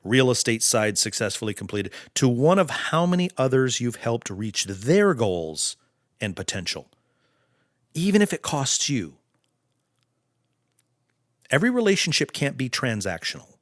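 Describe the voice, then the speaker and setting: Earnest podcast guy preaching about helping others, slow deliberate phrasing, dry close sound. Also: medium pitch, very animated, no room sound. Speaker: podcast host. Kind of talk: motivational podcast monologue.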